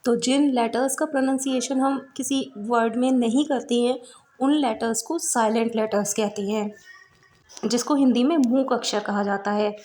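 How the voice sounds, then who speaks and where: A woman's voice: fairly high pitch, steady tone, normal speed, a little mellow. A woman teaching an English spelling lesson, patiently spelling words out letter by letter. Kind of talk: explanatory spelling lesson in Hindi.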